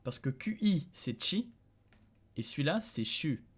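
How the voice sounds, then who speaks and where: On the high side and slightly rough, his voice is very animated at a measured pace. The young French streamer chats casually through his session, thinking aloud, breaking into chuckles and speaking to viewers through a desk mic in a dim home room.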